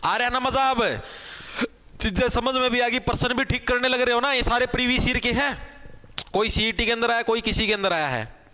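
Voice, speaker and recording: A male teacher leading a live online grammar class, energetic and pushing students to answer fast. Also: very high-pitched, a little hiss or hum. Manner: calls students "bhai" again and again.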